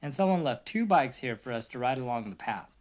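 An eager, friendly cartoon boy mouse, as a home storyteller puts him on in a read-aloud storybook. The voice lifts brightly and moves all over in pitch. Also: lively intonation, fairly quick, close to an everyday voice. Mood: upbeat.

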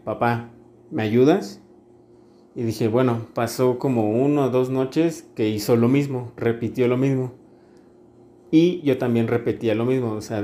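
A man talks through a casual podcast monologue. His voice is warm and mellow, at an ordinary middle pitch. He speaks calmly and reflectively, pausing and restarting as he thinks. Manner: calm, reflective, with pauses and restarts. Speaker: podcast host, father.

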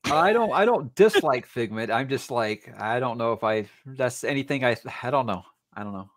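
A man's voice: mid-range voice, normal speed, dry recording, clean studio sound. A man hosting a podcast, chatting casually and jokingly with many restarts. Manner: animated, jokey, many restarts. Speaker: podcast host. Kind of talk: casual chat.

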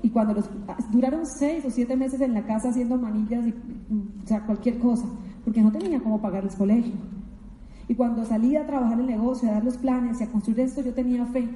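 A woman's voice: a little high, fairly even intonation, fairly quick, mellow. Emphatic Colombian woman speaker in an echoey hall. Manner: emotional, emphatic storytelling with repetitions. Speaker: motivational speaker. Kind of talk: motivational talk to an audience. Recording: echoey hall with long reverb.

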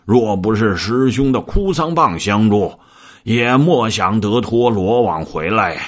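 A man's voice: on the low side, lively intonation, a little slow. A man voicing a clumsy, greedy pig-monk who whines and boasts in a told story. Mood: whiny. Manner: complaining, blustering.

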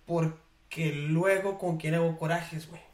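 A man with a Mexican accent in casual podcast chat, slangy and quick to laugh. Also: on the high side, fairly even intonation, very noisy. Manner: slangy, laughing, quotes people in acted voices. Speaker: podcast co-host. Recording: echoey room.

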